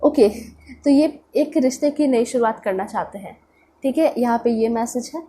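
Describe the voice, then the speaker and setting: A woman's voice: fairly high pitch, moderate pace, dark tone, slight background noise. A woman with an Indian accent and a congested, pinched-nose nasal voice from a cold, giving an informal tarot reading and mixing in English words. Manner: mixes in English words, repeats check-in phrases. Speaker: tarot reader.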